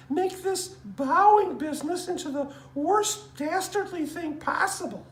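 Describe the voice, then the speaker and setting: Woman putting on a sugary high-pitched doting wife. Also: reverberant, exaggerated voice, rough recording. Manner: cooing, sing-song scheming.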